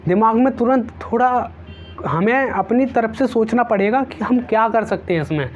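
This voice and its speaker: A man's voice: extremely high pitch, normal speed, highs cut off, a little hiss or hum. A man teaching an exam-prep vocabulary lesson, repeating each word several times and using playful memory tricks.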